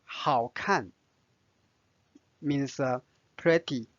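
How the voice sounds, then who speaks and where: A man's voice: medium pitch, drawn-out words, no room sound, dull audio. A man with a Chinese accent teaching vocabulary, patiently spelling out each word and its tone. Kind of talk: slow vocabulary lesson.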